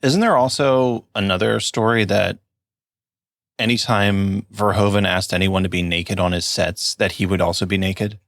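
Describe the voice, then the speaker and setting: A man's voice: lowish voice, fairly even intonation, moderate pace, vocal fry, fairly bright tone, no echo, studio quality. A laid-back man on a casual movie podcast who mostly chimes in briefly.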